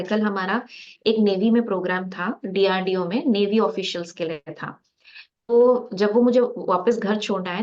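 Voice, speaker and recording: A woman lecturing on psychology in a conversational, motivational style, often asking her listeners rhetorical questions. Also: fairly high pitch. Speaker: guest speaker on psychology. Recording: slightly dull, lo-fi recording.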